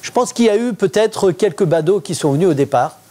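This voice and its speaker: A middle-aged man with a fairly high voice preaches a sermon in church. He keeps it conversational and lively and often stops to question the congregation. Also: fairly quick. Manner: interactive, asks the congregation questions. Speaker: pastor.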